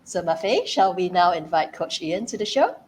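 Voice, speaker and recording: A woman hosting a talk show, giving a measured introduction and then asking the guest a question. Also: lowish voice, very animated, a little mellow, a little hiss or hum, low-quality recording. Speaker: host.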